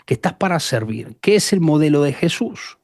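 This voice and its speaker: A man from Argentina with an Argentine accent, a guest telling animated stories in a conversational interview. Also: a little high, normal speed, no echo, studio quality. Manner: animated storyteller, acts out quotes.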